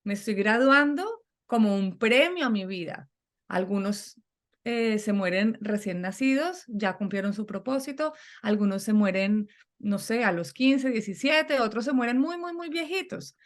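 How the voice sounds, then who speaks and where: A middle-aged woman telling a personal story in conversation, animated and acting out the voices she quotes. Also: a little high, unhurried. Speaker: guest.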